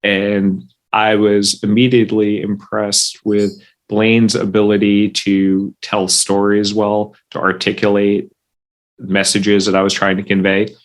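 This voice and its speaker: A man hosting a podcast interview, asking questions in a friendly, halting way with frequent restarts. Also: on the low side, fairly bright tone. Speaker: podcast host. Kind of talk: casual interview conversation.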